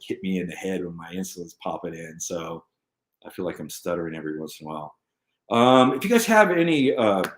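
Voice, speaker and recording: Male live-stream host, low-leaning voice, loose and rambling, lots of restarts, echoey room. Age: adult. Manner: rambling, jumps between topics with many restarts. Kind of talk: casual live-stream chat, reading viewer comments. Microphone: computer mic at a desk. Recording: roomy echo.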